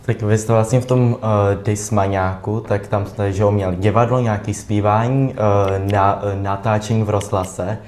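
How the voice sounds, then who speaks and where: A man's voice: fairly low pitch, fairly even intonation, hardly any pauses, darkish tone. A man interviewing a guest, asking his questions with hesitations and fillers. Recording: echoey room with faint background hum.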